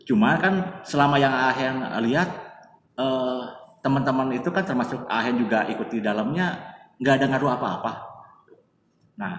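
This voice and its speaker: At a moderate pace and medium pitch, this man pauses often while telling a story as a guest in a relaxed interview. Chatty and heavy on fillers, he refers to himself by name. The room is echoey and far-sounding, with faint noise underneath.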